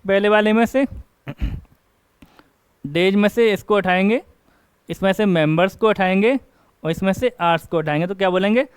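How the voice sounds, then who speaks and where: A man teaching an English grammar class, asking questions and answering them himself and reading example sentences slowly. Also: sits high, smooth, no echo. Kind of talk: classroom lecture. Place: coaching class.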